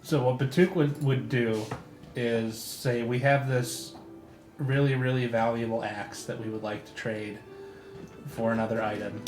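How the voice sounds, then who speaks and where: A man's voice: mid-range voice, fairly even intonation, unhurried. A man playing a tabletop game, talking casually as he works out what his character wants. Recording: echoey room, music behind.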